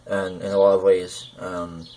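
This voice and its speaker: A man talking personally to camera, hesitant and halting, with slurred lip consonants as if numb from the dentist. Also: low voice, level tone, warm tone. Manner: hesitant, halting, searching for words. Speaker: gaming video creator.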